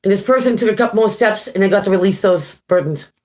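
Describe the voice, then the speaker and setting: A woman's voice: medium pitch, quick pace, darkish tone. A woman giving a casual live-stream tarot reading, chatty, laughing at her own jokes and greeting viewers by name. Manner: chatty, laughs at herself often. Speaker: tarot reader.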